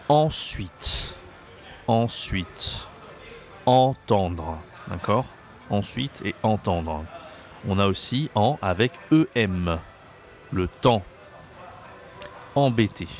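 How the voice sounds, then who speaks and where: A man teaches a pronunciation lesson to camera in a lowish voice. He talks slowly and patiently, repeating each word and checking the listener follows, over a faint hiss. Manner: slow and patient, repeats words and checks understanding with frequent "d'accord?". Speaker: French teacher. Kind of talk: video lesson explaining pronunciation. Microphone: camera mic.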